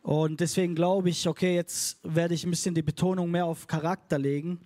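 A man's voice: on the high side, flat delivery, fairly quick, mellow. A man preaching a casual, upbeat sermon to a congregation, tossing in English phrases and leading call and response. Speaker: pastor. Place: church hall before a congregation.

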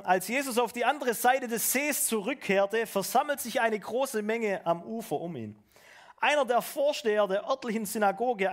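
High-voiced man preaching an animated sermon. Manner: animated, casual preaching with asides to the congregation. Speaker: pastor.

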